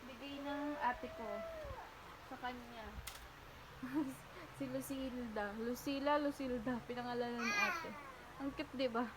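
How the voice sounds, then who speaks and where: A woman's voice: high voice, steady tone, a little slow, long pauses, heavy background noise. A woman from the Philippines vlogging at home, talking casually to viewers and playfully to her toddler. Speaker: vlogger mother. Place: home with tiled floors.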